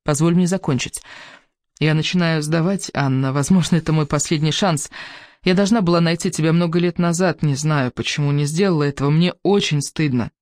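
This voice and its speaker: A woman reading an audiobook, voicing a remorseful elderly woman who speaks softly and haltingly. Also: deep voice, no echo, studio quality, close to an everyday voice. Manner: soft-spoken, halting. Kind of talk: audiobook character voice.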